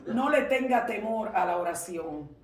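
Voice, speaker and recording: A man preaching a sermon in a church, fervent and emphatic, rising at times to shouts. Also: sits high, expressive, measured pace, a crowd in the background. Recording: roomy, from far off the mic.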